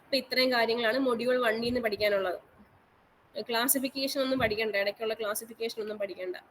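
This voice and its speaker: Brief: woman lecturer on an online class call, higher pitch, repeats every instruction, faint background noise. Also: fairly even intonation, fast, a bit bright, poor audio. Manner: repetitive, instructive, mixes English terms into speech. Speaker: college teacher.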